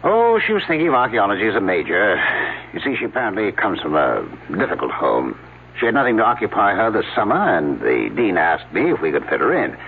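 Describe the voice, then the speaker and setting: In a tinny old radio broadcast, an actor in a 1970s radio drama plays a fussy, hesitant male archaeology professor who hems and haws, full of uh's. His exaggerated voice runs on the low side with big pitch swings, a fast pace, and a breathy edge.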